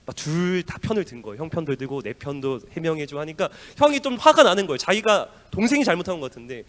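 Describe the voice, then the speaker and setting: Animated young man preaching in a reverberant hall. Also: on the high side, fast talker. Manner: animated, acts out quoted voices, drops to near whispers. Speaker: youth pastor. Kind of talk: sermon. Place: church hall.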